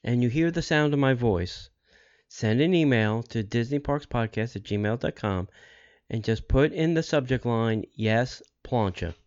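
Smooth-voiced male podcast host, casual. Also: medium pitch, normal speed, darkish tone, muffled recording.

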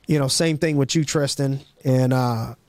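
A man's voice: medium pitch, fairly even intonation, moderate pace, a little mellow, no room sound. A man hosting a casual podcast interview, talking in hyped, rambling bursts with many restarts and slang. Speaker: podcast host.

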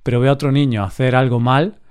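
A man from co-hosts a relaxed podcast chat for learners. He talks slowly and clearly in a playful tone and laughs easily. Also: medium pitch. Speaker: podcast co-host. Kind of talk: casual chat for language learners.

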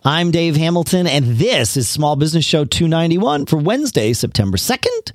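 A man's voice: a little high, lively intonation, fairly quick, dry recording, clean studio sound. A man co-hosting a podcast in casual chat, often repeating words as he starts his sentences. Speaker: podcast co-host.

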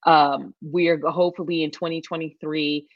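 A middle-aged woman from Michigan speaks in an interview, her voice sitting low and sounding dull and a little muffled. She talks emphatically, hammering points home by repeating key phrases. The sound is dry, with no room around it. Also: little pitch movement, moderate pace, no echo. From Michigan, USA. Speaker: salon founder, guest. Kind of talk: conversational interview.

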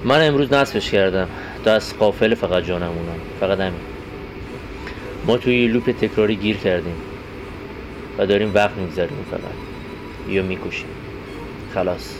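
A man talking calmly and reflectively in a casual chat. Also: sits low, long pauses, background noise.

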